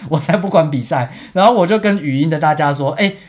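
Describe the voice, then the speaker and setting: A man's voice: on the high side, a little fast, a little mellow. A young man with a Taiwanese Mandarin accent, an esports team captain chatting casually over game footage and laughing often.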